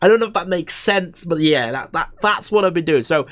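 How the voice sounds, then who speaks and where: A man's voice: on the high side, lively intonation, fairly quick, fairly bright tone, dry recording. A young man giving rambling, casual commentary on a strategy game he is playing, talking close to a desk microphone with lots of fillers and restarts. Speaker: gaming YouTuber. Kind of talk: casual let's-play commentary. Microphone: desk microphone in front of him.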